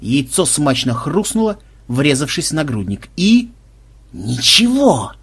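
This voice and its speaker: A man narrating an audiobook in a lively, expressive reading. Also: a little high, normal speed, husky. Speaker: audiobook reader.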